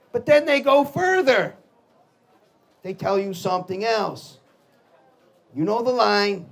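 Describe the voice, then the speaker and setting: A middle-aged male defense lawyer giving a blunt, emphatic public talk at a gun show, hammering home his key phrases. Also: very high voice. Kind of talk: public talk to a live audience.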